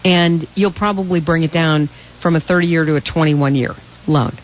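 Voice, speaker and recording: A woman's voice: low-pitched, normal speed, phone-quality sound, a little hiss or hum. A woman hosting a radio call-in show, giving direct, explanatory advice in a conversational way. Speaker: radio call-in host, financial adviser.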